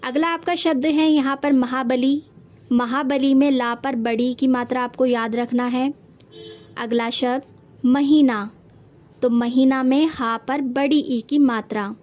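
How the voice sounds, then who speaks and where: High-voiced woman teaching Hindi spelling. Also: steady tone, slow pace, darkish tone. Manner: patient, step-by-step explaining, addresses students as children. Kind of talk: spelling lesson for students.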